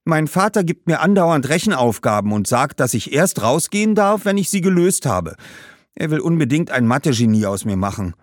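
A lively young girl in a read-aloud storybook, as a man puts her on, outspoken and eager, with frequent exclamations. Her high voice jumps around a lot and sounds close and dry. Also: moderate pace, no echo.

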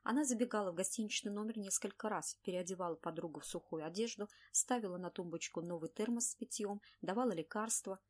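A woman narrating an audiobook in an even, measured reading voice. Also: medium pitch.

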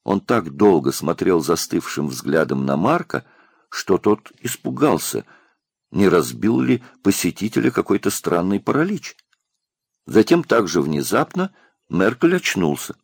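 A man narrating a science fiction audiobook with expressive storytelling. His voice is low and gravelly, with a lively, rising and falling pitch. The sound is dry and close. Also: a little slow, no room sound. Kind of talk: scripted narration.

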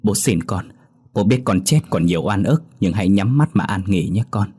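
A man voicing a kindly, grieving older father-in-law who speaks in gentle, soothing pleas. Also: on the low side, animated, normal speed, breathy edge. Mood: pleading.

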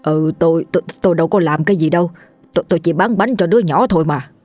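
A woman's voice: fairly low pitch, steady tone, moderate pace, no echo, faint music behind, lightly acted. A woman voicing a downtrodden older male bun seller who stammers and pleads, in a storybook tale. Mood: stammering.

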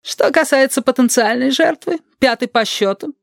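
The reader voices a stiff, pedantic young woman with a creaky, grating voice who lectures in a formal tone, as in an audiobook. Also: sits high, normal speed, no echo, pitched above the performer's own voice. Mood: lecturing.

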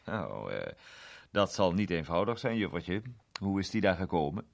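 A man voicing a slow, puzzled policeman speaking gruffly and deliberately. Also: low-pitched, big pitch swings, exaggerated voice. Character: slow, puzzled middle-aged male policeman.

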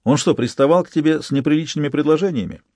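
A man's voice: a little high, quick pace, darkish tone, dry recording, studio quality, voice pushed up, lightly acted. A man voicing a sleepy, blunt young man speaking on the phone in a storybook reading. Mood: curt. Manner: drowsy, then curt and decisive.

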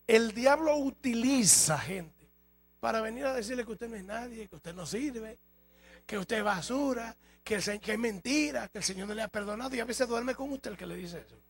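A man preaching a sermon as a pastor, emphatic, his loudness rising and falling. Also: very high-pitched, expressive, moderate pace. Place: church hall.

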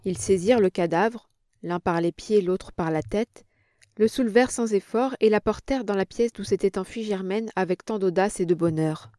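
A woman reading a novel aloud in a measured, dramatic narrating manner. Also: mid-range voice, mellow, dry recording, studio quality. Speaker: audiobook reader.

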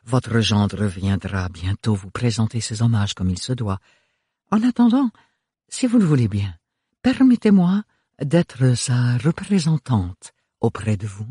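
A man voicing an elegant aristocratic woman who speaks slowly in a purring, refined way. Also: medium pitch, big pitch swings, dark tone, slightly rough, dry recording, clean studio sound. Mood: gracious.

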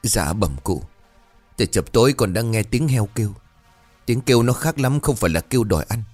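A man's voice: fairly low pitch, lively intonation, normal speed, darkish tone, faint music behind. A man voicing a frightened villager who answers an elder respectfully. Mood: shaken. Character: shaken middle-aged villager, deferential.

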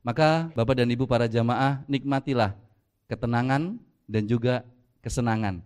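Lively preaching man with a smooth voice. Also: medium pitch, normal speed. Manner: lively, joking, rhythmic repetition. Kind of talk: sermon at a mosque gathering.

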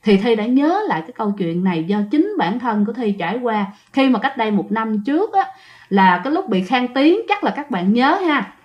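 A woman narrates ghost stories in a chatty way, often turning to speak to her listeners. Her voice sits fairly high. The recording sounds dull and lo-fi. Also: big pitch swings, fairly quick. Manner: chatty, addresses listeners directly. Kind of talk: chatty ghost story storytelling.

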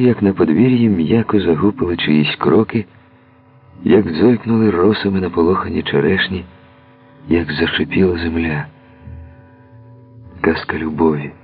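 A man narrating a novel in a measured, expressive literary reading, heard on a tinny lo-fi radio recording. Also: low voice, husky.

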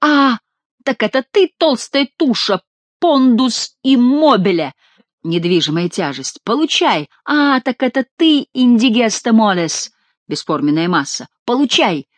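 A woman reading an audiobook, voicing a sharp-tongued, vengeful male jester who shouts gleeful mockery. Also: mid-range voice, expressive, normal speed, no echo, lightly acted. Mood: gleeful scorn.

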